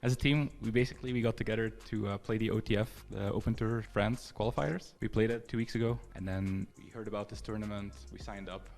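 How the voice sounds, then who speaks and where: Gravelly thirties man, low voice. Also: steady tone, darkish tone, faint music behind. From Belgium. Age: 30s. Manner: measured, with "uh" and "um" fillers. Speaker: esports player. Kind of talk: casual interview.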